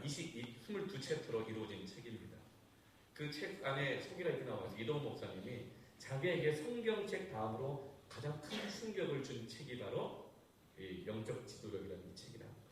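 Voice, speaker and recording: A man preaching a sermon as pastor, telling a personal story with sudden swings between loud outbursts and hushed asides. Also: on the low side, a little hiss or hum. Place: church sanctuary. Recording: echoey church hall, voice from far off.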